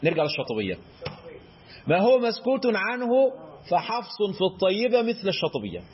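A man's voice: high-pitched, wildly swooping pitch, husky, lo-fi sound. A man with an Egyptian Arabic accent teaching Quran recitation rules, quizzing his listeners and answering his own questions. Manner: chants verse examples in a drawn-out recitation tone. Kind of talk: explanatory lesson.

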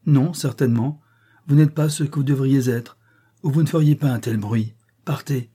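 A man's voice: mid-range voice, moderate pace, mellow, husky, pitched above the performer's own voice, close to an everyday voice. A man voicing an old female servant who is honest but unbending, speaking sternly in a storybook reading. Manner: stern, scolding.

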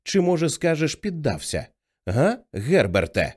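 A man's voice: on the high side, very animated, unhurried, darkish tone, breathy edge, pitched above the performer's own voice, heavily acted. A man reading the part of a middle-aged religious mother, fervent and rising to hysterical cries. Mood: bitter. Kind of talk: audiobook character reading.

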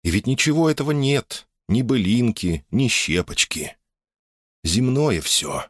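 A man narrating a science fiction audiobook in an expressive, dramatic reading style. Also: medium pitch, measured pace, no echo, studio quality.

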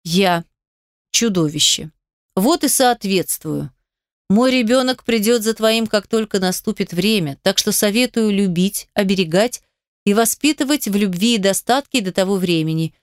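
Woman voicing a calm, mocking monster husband, unhurried and smooth, dry close read. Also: mid-range voice, no room sound, close to an everyday voice. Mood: cool. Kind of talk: audiobook reading.

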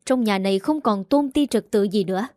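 A woman's voice: medium pitch, fairly quick, darkish tone, no echo, studio quality, close to an everyday voice. Woman voicing a stern scolding father. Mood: angry scolding. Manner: scolding, curt commands. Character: stern angry father, strict patriarch.

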